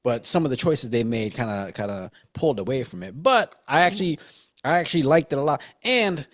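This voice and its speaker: A man hosts a casual podcast in a mid-pitched voice. He talks informally among friends, teasing them and swearing freely. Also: expressive, a little fast. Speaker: podcast host. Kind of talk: casual movie podcast chat.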